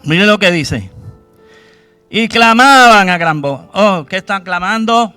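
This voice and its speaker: A man's voice: high voice, animated, slow, sharp tone, clear, resonant tone, no echo, soft background music. A man preaching a sermon, questioning his congregation and acting out cries to God. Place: church.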